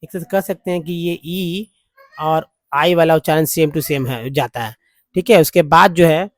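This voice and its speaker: A man's voice: a little high, a little slow, no room sound. A man teaching a lesson in a patient, repetitive way, with many fillers. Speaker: English teacher. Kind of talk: spoken Hindi lesson on English vowel sounds.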